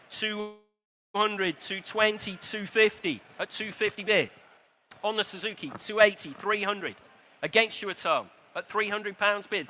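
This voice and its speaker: A man with a British accent working as an auctioneer, calling a live sale in a brisk chant of repeated bids. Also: high-pitched, bright, forceful tone.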